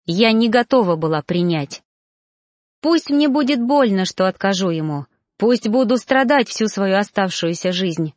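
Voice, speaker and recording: A woman narrating a first-person novel aloud with an expressive, emotional delivery. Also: on the high side, dry recording, studio quality. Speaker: audiobook narrator.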